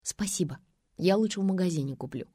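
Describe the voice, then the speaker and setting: A woman's voice: on the low side, a little fast, warm tone, breathy edge, no room sound, studio quality. Woman voicing a grumpy, tired young woman. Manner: tired, grumbling.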